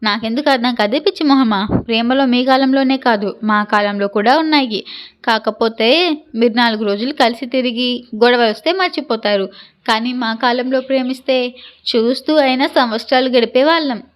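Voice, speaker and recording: Storybook granny, older, sharp-tongued but loving, raised a little high, read by a woman. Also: normal speed, natural voice. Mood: fond scolding. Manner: teasing, scolding affectionately. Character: elderly grandmother, teasing, shrewd and caring. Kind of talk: storybook narration with voiced dialogue.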